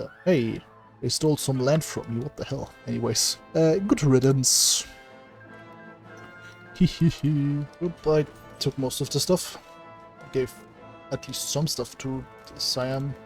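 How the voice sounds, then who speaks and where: A man's voice: mid-range voice, darkish tone. Man casually narrating a strategy game. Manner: casual, dry, occasional swearing. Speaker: let's play host. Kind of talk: gameplay commentary.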